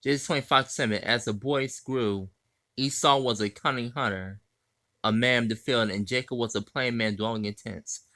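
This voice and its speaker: Bright, dry-voiced man citing scripture. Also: medium pitch, normal speed, no echo. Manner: cites chapter and verse, reads passages aloud, insistent. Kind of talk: scripture quoting and commentary.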